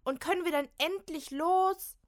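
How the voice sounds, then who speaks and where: A woman's voice: very high voice, a little slow, voice pushed up. A woman reading a storybook and voicing Kim, an impatient housemate who snaps and grumbles. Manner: snappish, exasperated.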